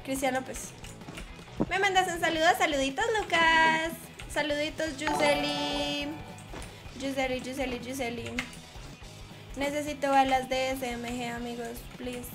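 A woman's voice: high voice, steady tone, a little slow, over loud music. A woman streaming a game live, teasing and chatting playfully with her viewers.

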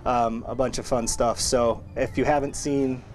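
A man's voice: mid-range voice, fairly even intonation, normal speed, faint music behind. Chatty man running down new releases. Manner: chatty, loose, lots of fillers and restarts. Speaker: record store host. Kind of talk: casual weekly release rundown.

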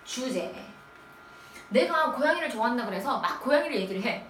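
High, lively woman teacher, echoey room. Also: recorded from a distance, slight background noise. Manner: asks quick questions and answers them herself, drilling step by step. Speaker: middle school English teacher. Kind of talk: recorded lecture.

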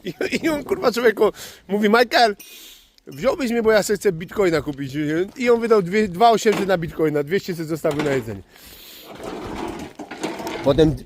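A man talks straight to his viewers about his days on the road, his voice a touch higher than most men's. He rambles from one story to the next and swears as casually as he breathes. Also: moderate pace, slight background noise. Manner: rambling, swears freely, calls listener "chłopie". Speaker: vlog host, tow truck driver.

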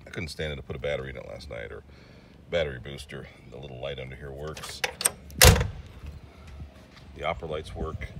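This man's low, rumbling voice comes through some background noise as he shows off an old car outside. As a classic car vlogger, he keeps it loose and talkative, rambling, pausing on fillers, and restarting his sentences.

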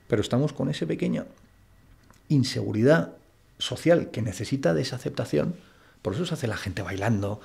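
A man from Madrid speaks as a guest in a casual interview, his medium-pitched voice animated, a little fast, creaky and darkish. He talks bluntly and colloquially, sprinkling in plenty of "tío" and "macho."

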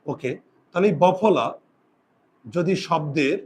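A male teacher with a fairly high voice leads a classroom grammar lesson. He puts questions to his students and answers them himself. He slows right down to dictate each rule for them to write down. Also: slightly rough. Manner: slow deliberate dictation of rules.

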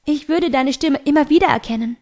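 A woman's voice: high-pitched, a little fast, darkish tone, voice pushed up. A woman voicing a desperate teenage girl who pleads urgently in a raised voice. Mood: pleading, urgent.

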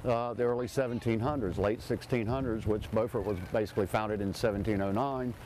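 A man's voice: lowish voice, steady tone, brisk, a little mellow, slight background noise, poor audio. A man playing a pirate captain, answering interview questions in a loose, rambling and hedging way.

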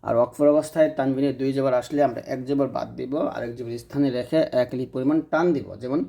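A man's voice: medium pitch, fairly even intonation, fast, gravelly, warm tone. A man teaching Quran reading rules in a patient explanatory lesson, repeating points and checking that listeners follow.

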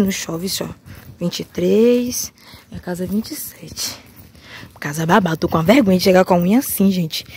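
A young woman chatting excitedly in a casual vlog, often dropping to whispered asides, filmed on a handheld phone as she walks outdoors and through a big house. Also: mid-range voice, a little hiss or hum. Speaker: vlogger. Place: outdoors walking a street, then inside a large house.

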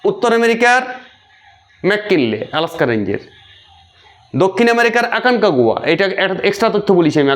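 A man teaching a geography lesson for exam prep, repeating key names slowly and quizzing his viewers. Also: high voice.

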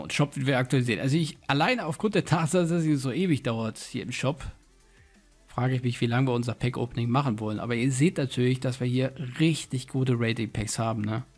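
A man giving casual, slangy gaming commentary as a host, hyping things up and addressing viewers as his friends. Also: medium pitch. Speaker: gaming video host opening packs. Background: music.

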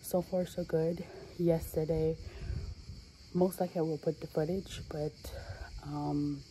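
Holding her phone camera at arm's length on a sunny hillside villa terrace, a young travel vlogger chats casually to the lens, saying y'all and like often. Her low, warm voice is going hoarse, with fairly even intonation and a measured pace. The audio is poor, carrying a little hiss or hum.

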